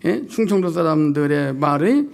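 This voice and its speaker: A man's voice: on the high side, expressive, moderate pace, gravelly, darkish tone. A male pastor giving an evening revival sermon in a church, joking and folksy, drawing out his words and asking the congregation questions. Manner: joking, folksy, draws out words, asks the crowd. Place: church sanctuary.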